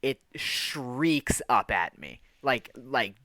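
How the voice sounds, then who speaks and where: A man's voice: medium pitch, animated, very slow, bright, forceful tone, no echo. A man co-hosting a casual podcast, telling a long story in a rambling way, full of fillers and the odd swear word. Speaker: podcast co-host. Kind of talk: casual chat.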